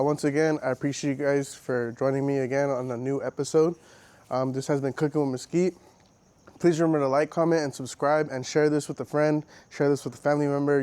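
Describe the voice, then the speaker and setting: A man hosting a home cooking vlog in a loose, slangy, offhand way, sometimes talking through a mouthful. His voice is mellow and smooth, at a middle pitch. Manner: relaxed, slangy, talks with mouth full. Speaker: cooking show host. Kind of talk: casual cooking vlog chat.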